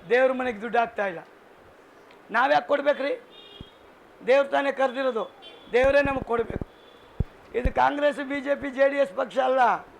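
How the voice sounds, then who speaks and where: A man's voice: very high-pitched, vocal fry, slight background noise. A male pastor with a Kannada accent preaching a sermon in a church, asking the congregation questions and calling for responses. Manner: rhetorical call-and-response preaching. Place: church hall.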